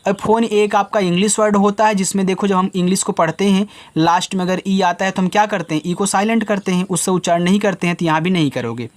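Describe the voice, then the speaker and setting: Patient male teacher spelling words slowly. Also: sits high. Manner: spells out letters slowly, then explains each sound patiently; addresses the viewers as children. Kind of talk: spoken lesson for children.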